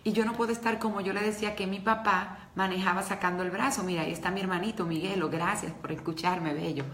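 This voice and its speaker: A woman's voice: mid-range voice, steady tone, fast, fairly bright tone, roomy sound, slight background noise. A woman preaching a devotional talk to women, earnest and emotional, speaking straight to her listeners.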